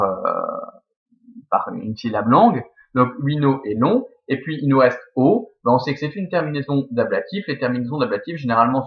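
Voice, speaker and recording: A man's voice: medium pitch, dull audio. A man with a Belgian French accent teaching Latin verse scansion, thinking aloud step by step with many fillers.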